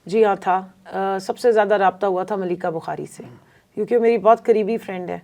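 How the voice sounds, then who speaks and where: Earnest woman politician, mellow voice. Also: medium pitch, steady tone. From Pakistan. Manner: emphatic, earnest storytelling. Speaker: politician interview guest. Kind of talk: podcast interview.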